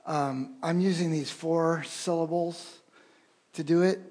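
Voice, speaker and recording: A pastor leads his congregation through a breath prayer in a soft, gentle manner. His voice sits a little high for a man and carries a faint huskiness. He speaks slowly, leaving room between phrases. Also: fairly even intonation. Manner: slow, gentle, soft-spoken guiding with pauses. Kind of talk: sermon, leading a breath prayer.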